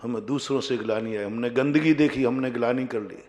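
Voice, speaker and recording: A man preaching as a Jain monk, his voice at a middle pitch carrying a long echo through a large hall. He throws question after question at his listeners, rising to loud, emphatic peaks and then sinking to quiet, low passages. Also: brisk. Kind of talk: sermon.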